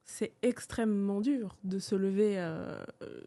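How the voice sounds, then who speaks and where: A woman co-hosting a podcast, her voice mellow and warm. She explains at a measured pace, pausing often on hesitant fillers. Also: medium pitch. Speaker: podcast co-host. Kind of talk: casual conversation.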